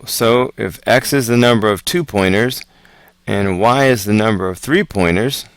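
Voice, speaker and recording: A man teaching math homework, talking through word problems in a relaxed, chatty way with asides. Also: on the low side, no echo. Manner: relaxed, chatty, slow and deliberate. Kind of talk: casual homework walkthrough.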